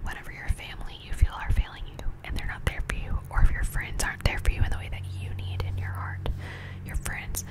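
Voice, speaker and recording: A woman gives a whispered ASMR pep talk of affirmations, breathy and close to the mic, casual and candid, repeating words for effect. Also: a little fast. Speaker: ASMR video host. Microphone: close-up microphone.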